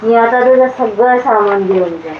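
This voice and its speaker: A woman's voice: on the high side, moderate pace, narrow, tinny audio, heavy background noise, natural voice. A woman playing an echoey, demanding ghost mother. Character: female ghost mother stealing a school bag. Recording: echoey ghost reverb with music.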